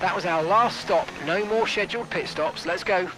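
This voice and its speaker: A man's voice: high voice, moderate pace, natural voice. A man voicing a terse race engineer on pit radio. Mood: businesslike. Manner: clipped, businesslike instructions. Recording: loud engine noise underneath.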